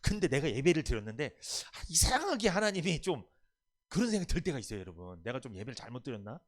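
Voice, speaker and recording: A man's voice: mid-range voice, very animated, fast. A male pastor preaching a sermon, asking his congregation questions and answering them himself.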